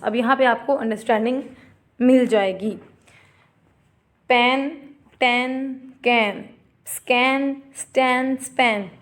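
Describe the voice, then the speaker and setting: A woman lectures a class, explaining terms in Hindi-Urdu and reading definitions slowly while calling her students "beta." Her voice is on the high side.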